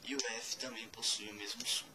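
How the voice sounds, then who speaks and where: A man giving a casual spoken lesson, spelling out letters one by one and repeating words slowly. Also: fairly low pitch, steady tone, background noise. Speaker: language teacher.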